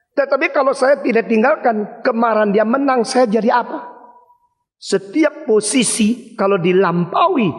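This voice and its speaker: High-voiced man preaching in a hall. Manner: emphatic preaching with sudden shouts and drops to low tones. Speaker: pastor. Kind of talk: sermon. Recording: long reverb of a large hall.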